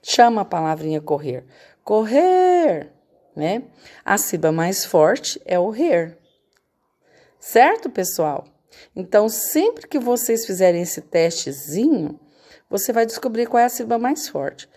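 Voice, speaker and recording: A woman's voice: mid-range voice, lively intonation, measured pace, a little mellow. A woman teacher going over homework in a recorded lesson, patient and checking in with her students often.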